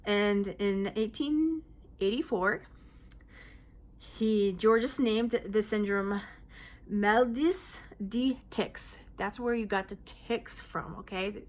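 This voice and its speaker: A woman's voice: medium pitch, fairly bright tone. A woman vlogger talking casually to the camera, explaining things plainly with many hesitant fillers.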